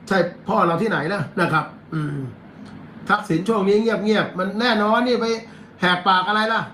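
A man's voice: high-pitched, sharp tone, reverberant, a little hiss or hum. A man with a Thai accent, a lawyer hosting a casual live commentary show. He talks bluntly and coarsely, reads headlines aloud and fills gaps with lots of fillers.

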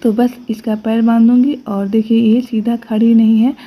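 A woman's voice: a little high, flat delivery, normal speed, breathy edge, dull audio. A young woman vlogger talking casually to her viewers, earnestly explaining and defending her ways. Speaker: village vlogger. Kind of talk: casual voice-over vlog.

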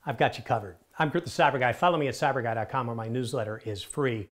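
A man's voice: mid-range voice, fast, noisy background. A middle-aged man hosting a scripted tech how-to, talking in a direct, upbeat, conversational way on a lapel mic in a studio. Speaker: tech tips host. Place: in front of a studio screen wall, indoors.

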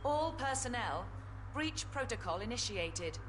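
A woman voicing an automated facility alarm system in a video game, giving computerized overheating warnings over a public-address loudspeaker. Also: a little high, unhurried. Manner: flat computerized warning announcements about an overheating core. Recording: long reverb and clear background noise.

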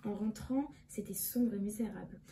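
A woman reading a casual summary of a novel, halting with many restarts and fillers. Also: medium pitch, creaky. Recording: echoey room with background noise.

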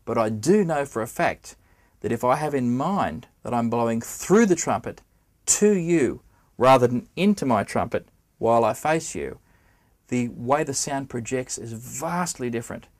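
A middle-aged man explaining how to play the trumpet in an easy, conversational teaching voice. He talks straight to the listener and keeps asking them questions. His pitch sits in the middle of the range. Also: animated, moderate pace, a little mellow. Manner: conversational, addresses the viewer directly with questions. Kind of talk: spoken music lesson to camera.

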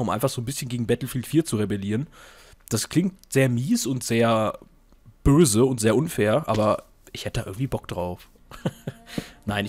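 A young man casually chatting while playing and answering viewer questions, joking at his own expense. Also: mid-range voice. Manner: chatty, self-mocking, jokey. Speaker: let's play host. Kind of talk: casual gaming commentary.

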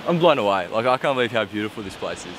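Racing along in a lowish voice with lively intonation, this young Tasmanian vlogger narrates to a handheld camera held at arm's length. He's out on a wet, windy mountain, chatting with enthusiasm and plenty of ums as he rambles. Background noise is clearly audible in the outdoor clip.

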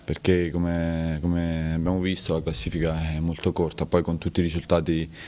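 A man's voice: low-pitched, completely flat delivery, normal speed, darkish tone. A man who plays football, answering a TV interviewer in a plain, hesitant way. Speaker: football player. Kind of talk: post-training interview.

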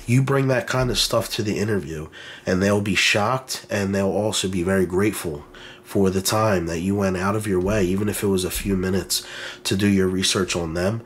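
A man's voice: low-pitched, moderate pace, a little hiss or hum. A man with a congested, nasal sound from a cold, giving casual, encouraging career advice straight to camera, with frequent ums and uhs.

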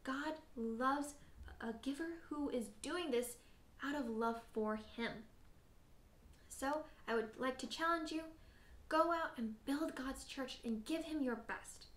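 A woman leading a children's worship lesson and prayer, gently asking the children questions and talking straight to them. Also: sits high, slow, reverberant.

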